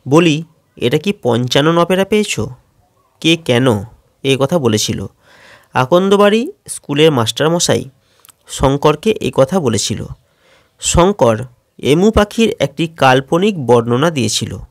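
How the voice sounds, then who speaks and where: A Bengali-accented man talks schoolchildren through a lesson one question at a time. He reads out each question and then answers it in a steady, methodical way. His voice sits at a medium pitch, and the recording is close and dry. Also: creaky, no room sound. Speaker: teacher.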